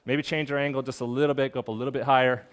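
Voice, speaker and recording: Male photographer, brisk easygoing instructor coaching a model through poses in the studio. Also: medium pitch, little pitch movement. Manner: casual, directs the model, many fillers. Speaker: portrait photographer teaching. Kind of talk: hands-on studio demonstration.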